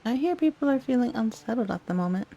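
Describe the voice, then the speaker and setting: Creaky-voiced woman doing casual game commentary. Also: a little high, lively intonation, fast talker, dark tone, lo-fi sound. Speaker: gaming video host. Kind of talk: casual playthrough commentary, reading some lines aloud. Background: game music.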